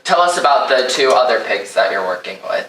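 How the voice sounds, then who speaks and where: Bright chatty young male host, echoey. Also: medium pitch, very animated, slight background noise. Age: young adult. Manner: upbeat, chatty, quick to laugh. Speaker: talk show host. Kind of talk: casual interview. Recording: echoey room, mic at a distance.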